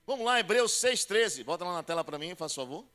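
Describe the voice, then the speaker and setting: A man preaching a sermon as a pastor with a Bahian Brazilian accent, emphatic and direct, acting out doubters in a higher voice. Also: animated, a little fast, sharp tone. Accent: Brazilian Portuguese, Bahian. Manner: emphatic, calls listeners "querido" and "irmão", acts out doubters in a high voice.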